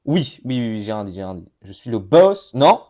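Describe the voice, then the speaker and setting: Male gamer host, lively pitch, rambling, yells at his team. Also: moderate pace. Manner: excitable, rambling, bursts into yells. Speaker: gaming YouTuber. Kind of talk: casual let's-play commentary.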